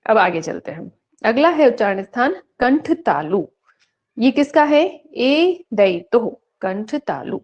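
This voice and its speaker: This Sanskrit teacher, a woman with a slightly high, darkish voice, delivers an online exam-prep lecture on dull, lo-fi audio. She poses questions and answers them herself, chanting the rule lines slowly.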